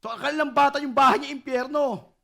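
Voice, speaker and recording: A middle-aged man preaching a sermon as pastor, animated and repeatedly asking the congregation if they follow. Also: extremely high pitch, fast talker, gravelly.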